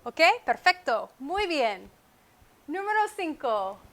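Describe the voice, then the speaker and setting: Slow, bright-voiced woman teaching Spanish. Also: high-pitched, sing-song. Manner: slow, deliberate, repeats key words with English glosses. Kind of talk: comprehensible-input lesson. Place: at a whiteboard. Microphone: wireless microphone.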